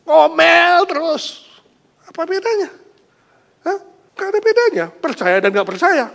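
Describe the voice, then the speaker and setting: A man's voice: medium pitch, fairly even intonation, moderate pace, fairly bright tone, slightly rough, long reverb tail. A man voicing an exasperated, hard-drinking middle-aged husband who mockingly complains.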